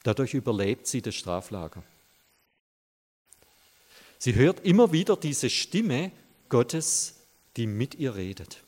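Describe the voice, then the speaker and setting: A man's voice: mid-range voice, big pitch swings, takes it slowly, long pauses, a little mellow. A man preaching a sermon, telling a story earnestly and speaking directly to his listeners. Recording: long hall reverb.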